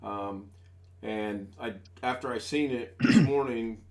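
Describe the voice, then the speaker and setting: Speaking slowly at a medium pitch, an American man in his sixties rambles through a casual live stream from home. He uses a desk USB microphone, and his manner is folksy and quick to poke fun at himself.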